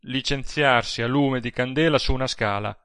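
A man reading an audiobook, voicing a burly, brooding man who speaks in a rough, tense tone. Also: mid-range voice, normal speed, no room sound, clean studio sound, lightly acted. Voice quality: rough, dark tone.

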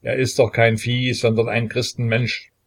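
A man's voice: mid-range voice, level tone, moderate pace, close to an everyday voice. A man voicing a sullen, pious executioner who grumbles his defiant answers. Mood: grumbling. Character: gruff, stubborn male executioner, pious and sullen.

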